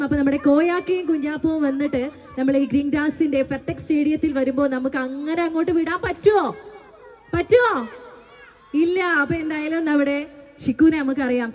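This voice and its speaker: A woman's voice: high voice, dark tone. A woman anchoring a stage event, upbeat as she introduces the acts. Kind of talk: stage announcing. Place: stadium stage.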